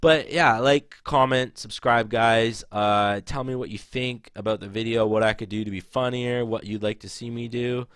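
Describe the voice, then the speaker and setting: A man's voice: mid-range voice, fairly even intonation, normal speed, hardly any pauses, a bit bright, smooth, no echo, clean studio sound. A young man telling a story to camera in a rambling, profane, casual way, full of "like" fillers. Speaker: vlogger.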